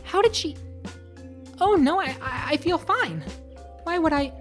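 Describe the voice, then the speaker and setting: A woman's voice: very high voice, expressive, unhurried, faint music behind, pitched above the performer's own voice. Woman voicing an eager, flustered young nun. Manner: earnest, flustered, rambling.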